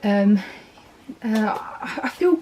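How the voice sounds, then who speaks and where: A woman's voice: medium pitch, lively intonation, takes it slowly, mellow, slight background noise, rough recording. A heavily pregnant woman in her thirties with an Essex accent, chatting casually in a vlog, rambling with fillers and restarts and sounding tired. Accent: Essex English. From England. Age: 30s. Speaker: vlogger.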